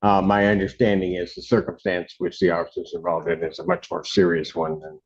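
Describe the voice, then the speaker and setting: Low-voiced male judge, courtroom recording. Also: fairly even intonation, a little fast. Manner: firm, interrupts with repeated "hold on". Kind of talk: presiding over court hearings. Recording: dull courtroom audio recording.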